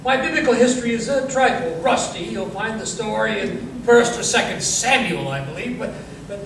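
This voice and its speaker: A man's voice: sits high, expressive, normal speed, gravelly. A man playing a genial, modest, slightly fussy Victorian doctor in a radio drama, speaking politely and hesitantly. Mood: genial explaining. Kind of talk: old-time radio drama acting. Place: live performance in a museum. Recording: very echoey, distant, noisy stage recording.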